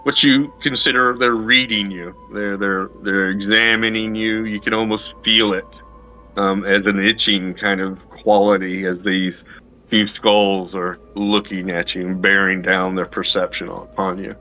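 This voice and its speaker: A man narrating a tabletop game as game master, improvising in a halting way as he searches for words. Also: on the low side, flat delivery, pushed and bright, faint music behind, poor audio.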